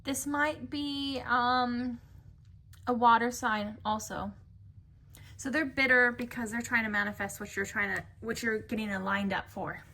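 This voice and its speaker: A woman's voice: on the high side, fairly even intonation, a little slow, sharp tone. A woman giving a casual tarot reading to camera, musing and chatty with many fillers. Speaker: tarot reader. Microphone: camera mic.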